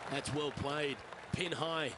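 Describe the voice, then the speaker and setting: A calm, upbeat golf commentator calls each shot in short, measured phrases. His voice sits a little high for a man. A loud crowd and heavy course ambience roll under every line. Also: noisy background. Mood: steady. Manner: brief measured calls between shots. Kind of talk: video game play-by-play commentary.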